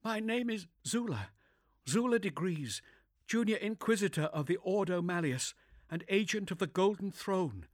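A man voicing a sharp, anxious young female inquisitor with a strained, breathy voice and quick, insistent questions. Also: high voice, lively intonation, no echo, studio quality, voice pushed up. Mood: urgent.

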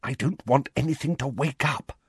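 A man reading a storybook aloud, voicing a bustling, motherly middle-aged witch who talks in urgent hushed whispers. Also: mid-range voice, moderate pace, slightly rough, dry recording, studio quality, voice pushed up.

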